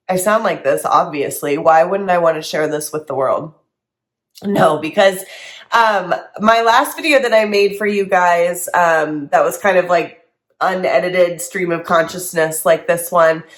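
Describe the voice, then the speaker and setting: A young woman talks straight to camera in a loose, rambling way, her voice thick and congested from a cold. She is casual and self-deprecating and drifts from point to point as she chats. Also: lowish voice. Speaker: candle business owner, vlogger. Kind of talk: casual unedited chat to camera.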